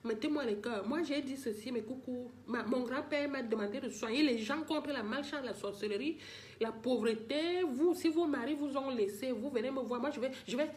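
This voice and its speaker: A woman's voice: sits high, moderate pace, a little mellow. Older woman in a pleading live-stream rant. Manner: pleading, repetitive, talks straight to viewers. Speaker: livestreamer addressing viewers.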